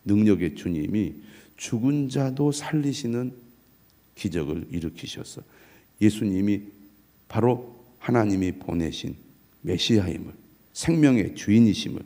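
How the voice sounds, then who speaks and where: Middle-aged male pastor, measured sermon delivery, low gravelly voice. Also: warm tone. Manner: measured preaching, quotes scripture aloud. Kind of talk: early morning sermon.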